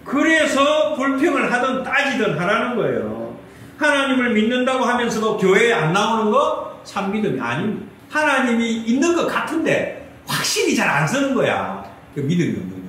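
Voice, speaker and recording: A man's voice: extremely high pitch, very animated, moderate pace, a bit bright, distant mic, slight background noise. A man preaching a sermon as pastor, asking the congregation questions and answering them himself. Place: church sanctuary. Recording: echoey hall, mic from afar.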